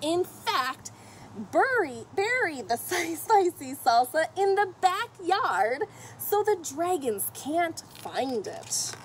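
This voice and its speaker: A middle-aged woman reading a picture book aloud to children in an expressive, emphatic way, recorded outdoors on a camera a short distance away. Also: very high voice, slow. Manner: expressive, emphatic, addressing children and characters directly. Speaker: children's story reader. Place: outdoors on a fenced patio or deck. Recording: outdoor camera audio with faint noise.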